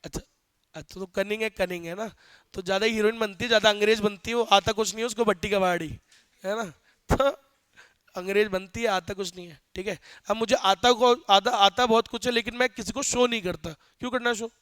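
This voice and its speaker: A young male teacher lecturing a class in an animated, joking way, often quizzing students, with phrases. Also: sits high, fairly quick, clear, resonant tone, dry recording. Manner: animated, asks students questions, jokes.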